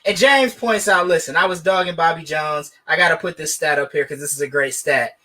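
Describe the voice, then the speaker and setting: A man co-hosting a podcast, animated and joking, with sarcastic asides in casual sports debate. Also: on the high side, fairly quick. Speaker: podcast co-host.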